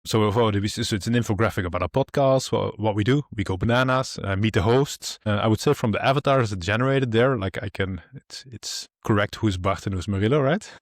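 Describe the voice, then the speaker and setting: A man with a low voice co-hosts a relaxed tech podcast. He explains in a loose, rambling way with many fillers. The sound is dry and close to the mic. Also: fairly quick, hardly any pauses, no room sound. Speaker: podcast co-host. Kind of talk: casual tech podcast chat.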